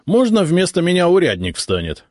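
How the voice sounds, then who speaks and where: A man's voice: sits high, wildly swooping pitch, normal speed, dry recording, studio quality, pitched above the performer's own voice, full character voice. A man playing a blustering Cossack commander. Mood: brash. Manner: brash, rustic Cossack speech. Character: boastful doubting male Cossack commander, blustering.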